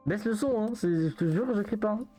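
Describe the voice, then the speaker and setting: A man streaming live, chatting casually and protesting in fast, repetitive banter. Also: sits high, expressive, dark tone, faint music behind.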